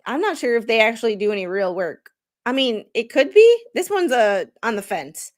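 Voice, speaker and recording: On her livestream, a woman who isn't a lawyer works through legal filings in halting fashion, joking at her own expense as she chats casually. She sounds quite high and extremely animated.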